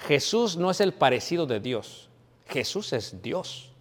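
A man's voice: very animated, unhurried. A man preaching a sermon, emphatic, asking questions and answering them himself. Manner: emphatic teaching, asks and answers his own questions; drops to a quiet, low voice when telling a personal story. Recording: hall with long reverb.

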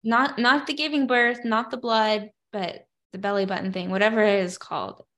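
A woman's voice: on the high side, fairly even intonation, normal speed, fairly bright tone. A woman co-hosting a podcast, recapping a reality show in casual chat with dry, sarcastic asides. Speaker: podcast co-host.

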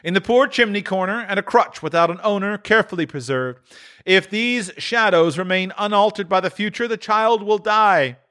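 Stern ghost of christmas, grave and scolding, pitched way up, a man doing it. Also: normal speed, bright, forceful tone. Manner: grave, rebuking. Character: solemn stern male Christmas spirit.

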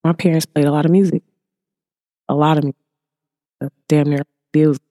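An American woman from Oakland, California, a music artist guesting on a podcast, chats in a laid-back, slangy way with a Bay Area accent. Her voice is low and warm with flat delivery at normal speed, recorded in studio quality with no room sound.

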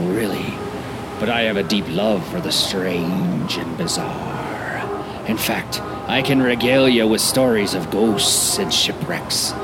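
An actor playing a hammy, chatty pirate-tour boat captain, with florid patter that drops into awkward casual asides in an audio drama. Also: male voice, lowish voice, background noise.

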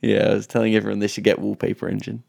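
Low gravelly guy on a podcast, laid back, lots of ums. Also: rapid-fire, a little hiss or hum. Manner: relaxed, hesitant with fillers. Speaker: podcast co-host. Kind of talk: casual chat.

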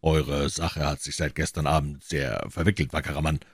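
A cold, suspicious commissioner in a storybook audiobook, voiced by a man in a very low voice. He questions in a stern, indifferent manner, recorded close and dry. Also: steady tone, normal speed, husky, no room sound, heavily acted. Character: cold, suspicious male police commissioner, middle-aged. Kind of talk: audiobook reading.

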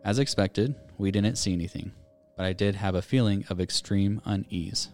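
A man's voice: fairly low pitch, moderate pace, soft background music. A man co-hosting a podcast, reading listener ghost stories aloud and chatting casually. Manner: reads aloud in a steady storytelling way. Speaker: podcast co-host.

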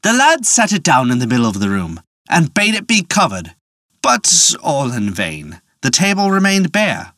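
Lively folk-tale narrator, wide melodic range, playful, dry sound. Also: mid-range voice, moderate pace, dry recording. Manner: lively, playful with wry asides. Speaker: storyteller.

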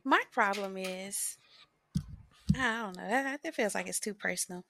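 A woman's voice: mid-range voice, measured pace, creaky, sharp tone, no echo, clean studio sound. A woman around thirty, a podcast guest in casual chat who laughs often and pokes fun at herself. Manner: laughs often, chatty and self-mocking.

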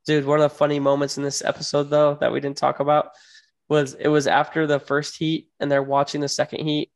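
A man's voice: a little high, monotone, a little fast. A young man co-hosting a casual podcast chat, easygoing and agreeable, often hedging his opinions. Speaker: podcast co-host.

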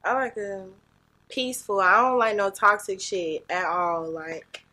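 A woman's voice: medium pitch, a little slow, sharp tone. A young woman chatting casually on a podcast, hesitant and blunt, swearing freely. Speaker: podcast guest co-host.

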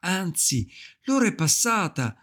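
A man's voice: high voice, sing-song, a little slow, a bit bright, voice pushed up, heavily acted. A man playing an earnest young boy in a storybook reading.

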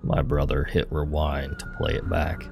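A man hosting a podcast, narrating a scary true story in a steady, hushed way. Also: rumbling low, moderate pace, vocal fry. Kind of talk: scripted horror story narration. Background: soft music.

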